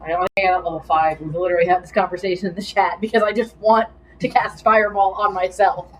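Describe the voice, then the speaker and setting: A woman's voice: on the low side, steady tone, fast talker, slight background noise, low-quality recording. A woman playing in a tabletop game, teasing the others and arguing over rules and names. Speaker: player. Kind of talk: casual chat during a tabletop game.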